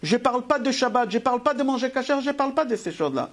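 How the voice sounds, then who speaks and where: A man's voice: very high voice, expressive, fast talker, fairly bright tone. A man teaching a live religious lesson to an online class, emphatic and driving, asking rhetorical questions and answering them himself. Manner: emphatic, asks and answers his own questions. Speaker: Torah teacher.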